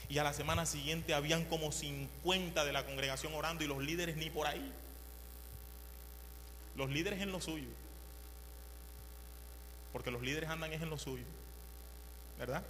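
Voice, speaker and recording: A male preacher telling a story in a sermon, animated and repetitive, swinging from hushed to loud. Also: a little high, moderate pace, pauses often, in a large hall, slight background noise.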